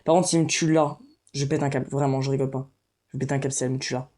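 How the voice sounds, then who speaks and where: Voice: mid-range voice, racing. Frustrated, raging gamer, repeating themselves in exasperation. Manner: repeats phrases excitedly when agitated. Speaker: gaming video creator. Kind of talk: live gameplay commentary, casual chat.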